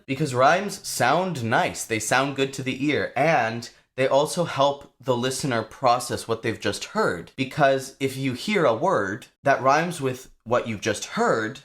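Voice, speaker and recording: A young adult man explaining songwriting to viewers in a chatty, lively way, with casual asides. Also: mid-range voice, unhurried, hardly any pauses. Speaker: songwriting teacher.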